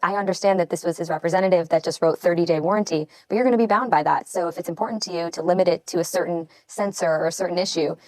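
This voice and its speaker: A woman's voice: lowish voice, very fast, hardly any pauses, no room sound. A woman discussing a legal ruling in an articulate, explanatory way.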